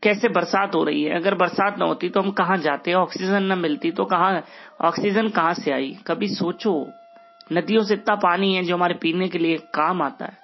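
Husky preacher telling a devotional tale. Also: male voice, high-pitched, normal speed, lo-fi sound. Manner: earnest, preachy, rhetorical questions. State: weak after illness. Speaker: religious storyteller. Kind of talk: devotional story sermon.

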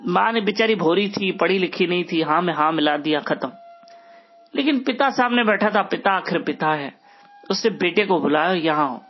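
A man's voice: sits high, lively intonation, moderate pace, husky, highs cut off, soft background music. A man telling a devotional moral story as a religious storyteller, earnest and preachy, full of rhetorical questions, sounding weak after illness.

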